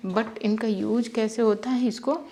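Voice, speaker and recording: Slow, patient woman teaching spelling. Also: a little high, steady tone, dark tone. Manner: patient, repeats syllables slowly, checks with "theek hai". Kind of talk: spelling lesson for beginners.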